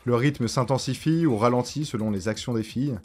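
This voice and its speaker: Over background music, a man presents his scripted video essay in a brisk, medium-pitched, slightly mellow voice. He mixes in slang and jokey asides.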